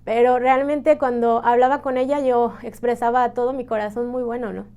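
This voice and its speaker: A woman's voice: a little high, little pitch movement, normal speed, a little mellow, clean tone. A woman from Mexico with a Mexican accent giving an earnest, emotional personal testimony, often tagging her sentences with a questioning "¿no?". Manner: earnest, tags many phrases with a questioning "¿no?"; emotional storytelling. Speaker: church member giving testimony.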